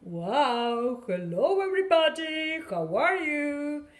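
A woman putting on a voice for a cheerful toy monster that greets the class in slow, careful English. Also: sits high, very animated, full character voice. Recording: roomy sound from a distance.

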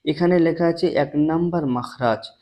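A man's voice: a little high, muffled recording. Earnest man teaching Quran pronunciation. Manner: earnest, repeats letters slowly for pronunciation drills. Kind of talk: religious lesson.

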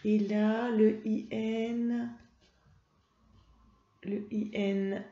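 A woman teaching a first-grade reading lesson, patient and encouraging, spelling out letters slowly for young pupils. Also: mid-range voice, flat delivery, warm tone. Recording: roomy, slightly dull home recording.

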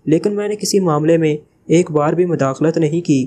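A man's voice: on the high side, moderate pace, dark tone, a little hiss or hum, natural voice. A man reading the part of a sly, joking male spy leader in a teasing, evasive way.

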